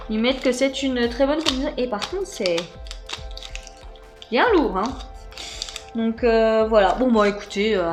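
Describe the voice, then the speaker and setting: A woman in her thirties chatting casually through a snack unboxing, hesitant, with many fillers. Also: high-pitched. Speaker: unboxing vlogger.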